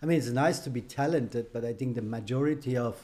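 Speaking a little fast in a warm, mid-range voice, a middle-aged man from Iran offers emphatic, opinionated English answers in a podcast interview, often tagging on a questioning "no?" at the end.

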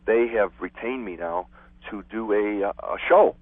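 Guest man calling in by phone; low, husky, laughs easily while telling frank stories, thin dry phone sound. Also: moderate pace, dry recording. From Chicago. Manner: frank, chatty, laughing storyteller. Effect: heard over a telephone line. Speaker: radio guest, former city clerk. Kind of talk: phone interview. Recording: tinny dry phone line.

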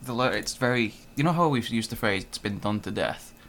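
A man's voice: fairly low pitch, lively intonation, a little fast, a bit bright, slight background noise. A man co-hosting a casual music review podcast, blunt and dryly critical. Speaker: podcast co-host.

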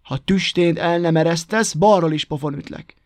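A man's voice: a little high, a little mellow, dry recording, studio quality, natural voice. A man voicing a prim, touchy male hare who speaks with stiff politeness and scolds. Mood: angry.

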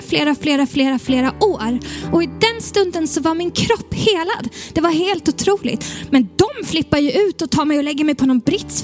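A young woman telling her church testimony in an animated way, at times bursting into shouts. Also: high voice. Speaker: testimony speaker.

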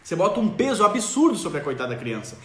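A man's voice: high voice, big pitch swings, fast talker, reverberant. A man hosting a casual live stream of parenting advice, talking animatedly and acting out parents and children as he goes.

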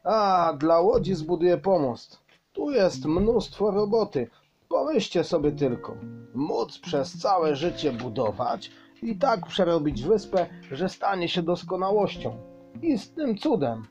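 A man voicing a proud, enthusiastic father troll who talks in grand, excited phrases. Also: high voice, slow, dull audio, faint music behind, voice pushed up, exaggerated voice. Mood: eager.

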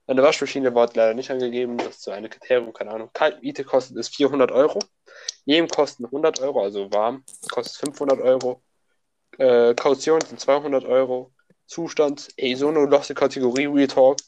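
Brief: young male student, casual slangy chat, even voice, faint hiss behind. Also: medium pitch, fairly quick. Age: young adult. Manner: slangy, laughs often, restarts words.

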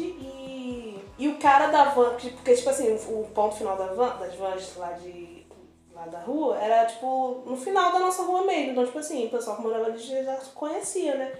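High-voiced young woman chatting. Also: darkish tone. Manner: rambling, filler-heavy storytelling. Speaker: podcast co-host. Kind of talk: casual chat. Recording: very echoey room, faint music.

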